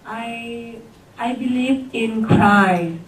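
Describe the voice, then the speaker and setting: A woman from Thailand introducing herself in a hesitant, halting way. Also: on the high side, echoey room, recorded from a distance, rough recording. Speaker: student. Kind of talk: self-introduction video.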